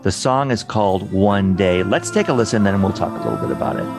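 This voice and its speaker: A male podcast host with a very low, deep voice calmly introduces the next song. He speaks in a plain, even announcing manner, and soft music plays faintly behind him. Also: fast, gravelly.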